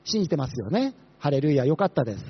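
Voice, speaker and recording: Male pastor, quick-tongued and animated, high voice, dull lo-fi recording. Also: breathy edge. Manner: fast-talking, asks the congregation questions. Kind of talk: sermon.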